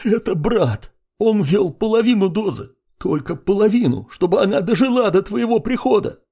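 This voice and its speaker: A man voicing a cowardly, terrified fat prince who shrieks and pleads in a high, strained voice. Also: lively intonation, normal speed, mellow, husky, full character voice. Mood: panicked pleading.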